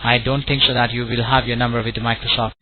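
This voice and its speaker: Indian call center agent on a tinny phone. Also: male voice, medium pitch, flat delivery, quick pace. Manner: polite, wordy, repetitive, often saying sir and all right. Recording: tinny phone line with clear noise.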